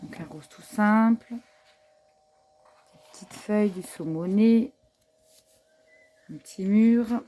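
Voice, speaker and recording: A woman's voice: mid-range voice, takes it slowly, pauses often, dark tone. A woman chatting casually to viewers while showing craft papers, with many fillers and admiring asides. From France. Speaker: craft haul vlogger. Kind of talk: casual show-and-tell chat.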